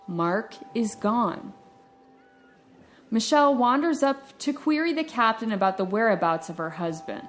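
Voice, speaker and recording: A woman's voice: on the high side, fairly quick, hardly any pauses, soft background music. A woman hosting a true-crime review podcast, retelling the story with playful, sarcastic asides. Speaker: podcast host.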